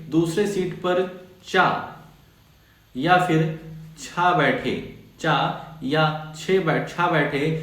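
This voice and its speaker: A man's voice: fairly high pitch, fairly bright tone, heavy reverb. A man teaching a grammar lesson to schoolchildren, repeating key points and putting questions to the class.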